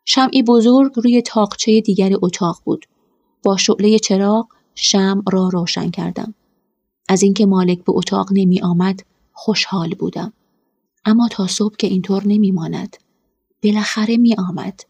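A woman narrating a first-person story in a quiet, measured way. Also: mid-range voice, steady tone, slightly rough, dry recording.

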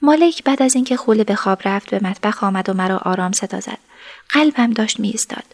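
A woman narrating a story in the first person, in a soft, sometimes whispered voice. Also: medium pitch.

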